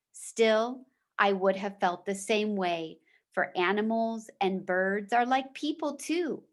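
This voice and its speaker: A woman teacher reads a children's book aloud, measured and deliberate in storybook style, adding brief explanatory asides. Her voice is on the high side.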